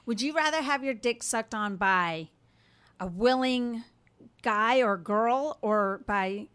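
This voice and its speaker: A woman's voice: fairly high pitch, slow pace, fairly bright tone, clear, resonant tone. A middle-aged woman hosting a casual podcast chat, candid and laughing, sometimes losing her thread mid-question. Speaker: podcast host.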